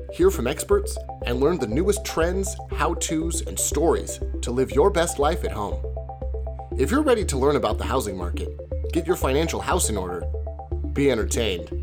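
An announcer reads a scripted podcast opening in an upbeat, sing-song way, with the pitch rising and falling widely. Music plays clearly beneath the voice the whole time. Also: sing-song, normal speed. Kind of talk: scripted promo intro. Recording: voice over music bed.

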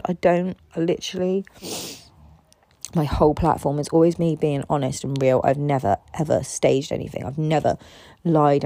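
A woman's voice: deep voice, creaky, mellow, no room sound. A tired woman in a candid solo podcast monologue, rambling and swearing a lot, frustrated and raw.

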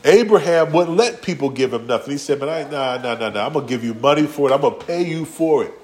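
This pastor's sermon is casual and full of slang. He acts out quotes and speaks directly to the church congregation in a mid-range, darkish voice that's fast and expressive.

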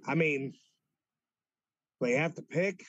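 A man co-hosting a podcast, chatting casually about wrestling and quick to push back. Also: on the high side, fairly bright tone, no room sound, dull audio. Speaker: podcast co-host.

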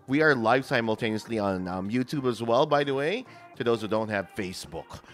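A man's voice: medium pitch, lively intonation, moderate pace, soft background music. Filipino male radio host interviewing. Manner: friendly, mixes English and Tagalog, frequent greetings to listeners. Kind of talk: live radio-stream interview.

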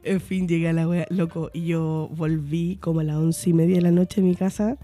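A Chilean woman co-hosting a podcast, getting over a fever and telling stories in lively slang, acting out the quotes. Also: lowish voice, moderate pace, soft background music. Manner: slangy, animated, acts out quotes. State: recovering from fever. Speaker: podcast co-host. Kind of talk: casual chat, storytelling.

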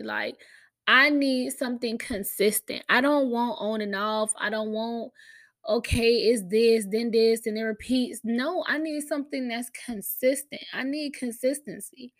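A woman's voice: fairly high pitch, normal speed, a bit bright. An American woman with a slight cold hosting a casual solo podcast, talking candidly and emphatically in slangy, often profane language. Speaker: podcast host.

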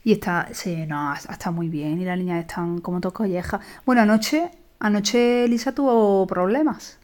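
A woman's voice: medium pitch, normal speed, a little mellow. Wry woman on a podcast. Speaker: podcast co-host. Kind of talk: casual chat.

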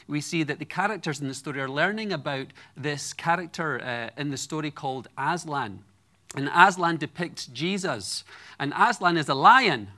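The voice is a little high, pushed and bright, belonging to a Scottish man in his forties. As a guest preacher, he gives an earnest, personal sermon with some light humor to the congregation.

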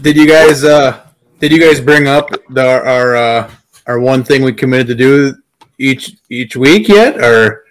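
A man with a Wisconsin accent, talking on a casual podcast. His voice sits at an ordinary middle pitch. He talks bluntly, swears freely and rambles from one point to the next. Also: unhurried, low-quality recording. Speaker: podcast co-host.

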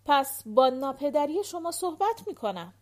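A woman reading aloud gives voice to a patient young woman who asks soft, coaxing questions in a storybook tale. Her voice sits a little high. It stays close to the reader's own. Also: sing-song. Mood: gentle probing. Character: patient young woman, gentle older sister.

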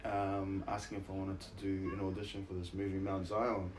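An actor-musician guest, roughly in his thirties, talks with a broad New Zealand accent, trading easygoing, slang-filled, self-deprecating anecdotes in a casual interview. His voice sits low with a completely flat, brisk delivery, and the rough recording has some hiss or hum.

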